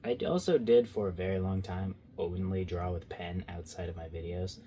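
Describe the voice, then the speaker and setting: A man's voice: sits low, normal speed, warm tone, a little hiss or hum. A young man giving casual, rambling commentary while he draws, joking and poking fun at himself. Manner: rambling, self-mocking and goofy. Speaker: art vlogger.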